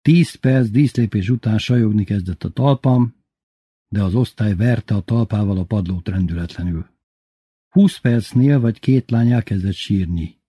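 Husky-voiced man reading a story. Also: on the low side, mellow, no room sound. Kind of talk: first-person story reading.

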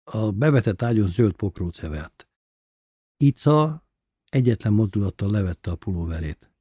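A man reading a first-person story aloud in a plain, even storytelling manner. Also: fairly low pitch, breathy edge, no room sound, clean studio sound. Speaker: narrator.

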